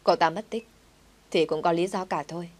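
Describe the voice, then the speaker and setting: Spiteful bitter young woman, read by a woman, low voice, audio drama. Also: normal speed, darkish tone, lightly acted. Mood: sneering. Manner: sneering, resentful.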